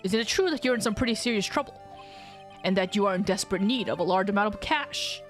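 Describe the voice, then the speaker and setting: A woman playing through a game, casually commenting and reading its dialogue aloud with expressive delivery. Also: mid-range voice, fast, faint music behind.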